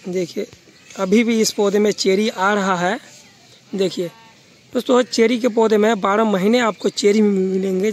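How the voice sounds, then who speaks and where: A native Bengali speaker from Bengal, with a Bengali accent, narrates an informal gardening tour as a vlogger, speaking to viewers and frequently repeating himself. His voice sits high.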